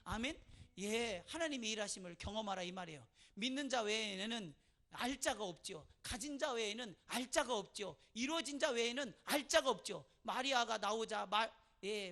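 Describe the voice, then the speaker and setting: Forceful man preaching a sermon. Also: sits high, lively intonation, moderate pace. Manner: call-and-response, asking the congregation for amen; moves from soft storytelling to loud preaching. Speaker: pastor. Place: church.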